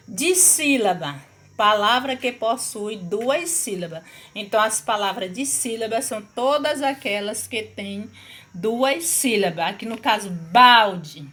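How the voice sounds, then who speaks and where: A primary school teacher with a Brazilian Portuguese accent gives a recorded lesson to young pupils, explaining slowly and patiently. Her voice is on the high side and a bit bright, and she often checks they follow with "não é isso?"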